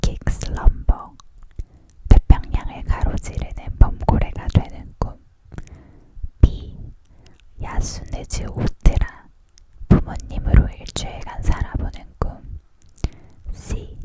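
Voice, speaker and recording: A person reads a story in a breathy, unvoiced whisper, as if leaning in close, in the style of an ASMR audiobook. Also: slow pace, long pauses. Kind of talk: whispered ASMR book reading, scripted narration.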